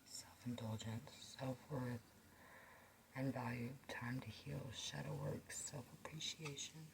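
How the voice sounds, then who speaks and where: Very low-voiced whispering woman. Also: rough recording. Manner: soft whispering, slow and reflective, gives gentle life advice; chews gum, blowing bubbles. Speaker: tarot or oracle card reader. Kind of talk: ASMR whispered card reading.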